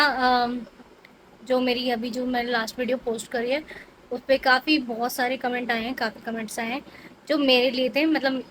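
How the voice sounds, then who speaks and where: A woman's voice: high voice, a bit bright, a little hiss or hum, low-quality recording. A young woman, talking casually to camera in a home vlog, chatty and rambling as she explains herself. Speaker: family vlogger.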